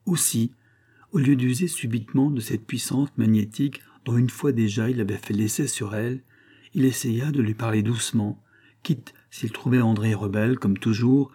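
A man reading a classic novel aloud as scripted narration, in an even, deliberate manner. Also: mid-range voice, breathy edge. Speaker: audiobook reader.

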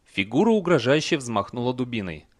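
A man reading a fantasy story aloud as audiobook narrator, measured and even. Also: medium pitch, no room sound, studio quality. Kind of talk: scripted narration.

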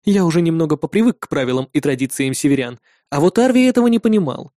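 A man narrating a first-person story in a lively, wry manner. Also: fairly high pitch, quick pace, dry recording, clean studio sound. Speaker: audiobook narrator.

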